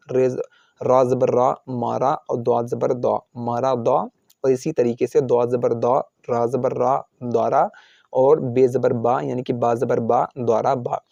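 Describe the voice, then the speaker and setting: Gravelly man drilling letters patiently. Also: medium pitch, warm tone, no room sound, muffled recording. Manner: slow, patient syllable-by-syllable drilling. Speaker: Quran reading teacher. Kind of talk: step-by-step letter drill lesson.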